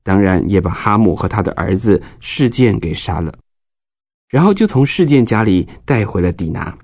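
Casting: male children's storyteller, lowish voice, explanatory Bible narration for young listeners, dry close sound. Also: big pitch swings, normal speed, darkish tone, dry recording.

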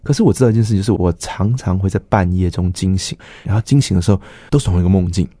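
A man's voice: sits low, very fast, dark tone, no echo. A middle-aged man, a pastor earnestly telling his personal testimony and acting out the dialogue he quotes.

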